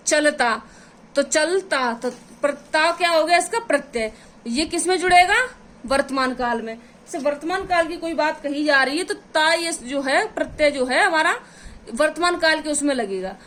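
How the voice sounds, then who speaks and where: A woman's voice: sits high, animated, normal speed, a bit bright. A woman teaching a step-by-step exam-prep grammar lesson, repeating key points as she explains.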